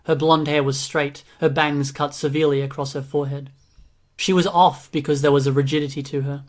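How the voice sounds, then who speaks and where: Man reading an audiobook in an even tone. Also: on the high side, fairly quick. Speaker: audiobook narrator. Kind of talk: scripted narration.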